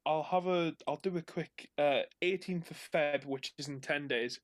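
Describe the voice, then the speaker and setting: A man with a Northumbrian accent co-hosting a podcast in casual banter, jokey, self-deprecating and quick to swear. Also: on the high side. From Northumberland, England. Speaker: podcast co-host.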